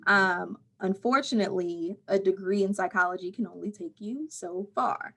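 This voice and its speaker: A woman mental health counselor answering interview questions in a calm, measured, explaining way. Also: medium pitch, vocal fry.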